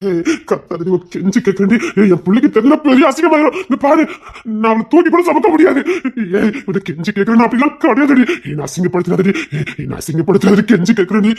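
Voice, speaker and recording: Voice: mid-range voice, very animated, brisk, vocal fry. A performer voicing an anxious young husband in an audio drama who keeps pleading and swearing he is innocent.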